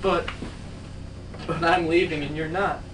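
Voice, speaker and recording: Stage play: actress as an anxious, grieving young man; low-pitched, distant, heard through room noise. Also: steady tone, a little slow, echoey room. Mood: sad. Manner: pleading and fretful. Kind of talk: live stage acting. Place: small theatre stage.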